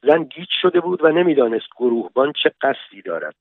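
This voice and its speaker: A man reading a literary story aloud at a measured, unhurried pace, his mid-range voice flattened into a thin, phone-like band as if over an old radio. The sound is dry and close, with no room echo around it. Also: medium pitch. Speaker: narrator. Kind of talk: literary audiobook narration. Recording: tinny, dry radio broadcast.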